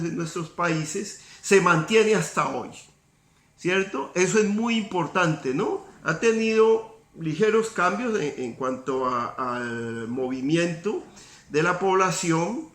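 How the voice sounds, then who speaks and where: A man giving a recorded university lecture, measured, pausing on fillers and tag questions. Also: high-pitched, fairly bright tone. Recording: roomy echoey recording.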